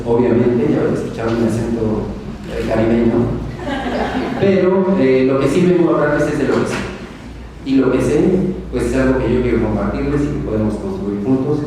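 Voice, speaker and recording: A Mexican man giving an informal lecture to students in a colloquial, discursive way, with a Mexican accent. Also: mid-range voice. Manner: colloquial, discursive, acts out quoted remarks. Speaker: university lecturer and researcher. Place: large echoey room, recorded from afar. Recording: echoey hall, distant mic, background noise.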